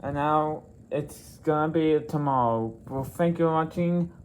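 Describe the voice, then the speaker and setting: A man talking in a casual vlog, rambling and halting with many fillers and restarts. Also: a little high. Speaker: vlogger. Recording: loud background noise.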